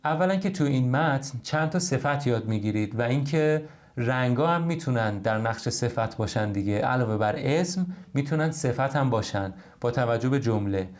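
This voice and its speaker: A man teaching an English lesson, explaining grammar patiently and repeating words slowly for practice. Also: mid-range voice, lively intonation.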